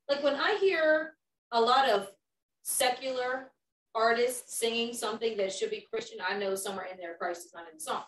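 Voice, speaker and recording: A woman leading an informal youth group talk, preaching emphatically and putting questions to the group. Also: a little high. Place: indoor room with a small group around a table. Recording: roomy, distant mic, faint background noise.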